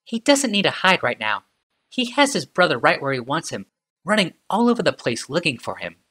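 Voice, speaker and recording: Here the audiobook's male reader gives a full character voice to a sardonic inventor with a morbid streak, a woman speaking calmly and almost casually at a moderate pace. The mood is wry, the tone bright and clear, and her pitch roams widely, climbing and falling without rest.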